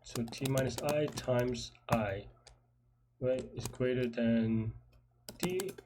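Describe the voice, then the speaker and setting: With a medium-pitched voice and a slow pace, a programmer host casually talks himself through a puzzle live, in muttered and hesitant fragments while typing. Faint noise, typing and clicks are audible.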